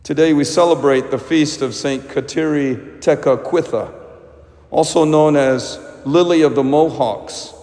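A man, a priest, reading the gospel and preaching a homily in a slow, measured way inside a large church. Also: fairly high pitch, warm tone. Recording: long echoing church reverb.

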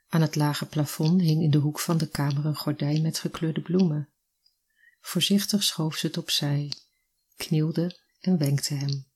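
A narrator reading a literary story in a calm, measured way. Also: mid-range voice, husky.

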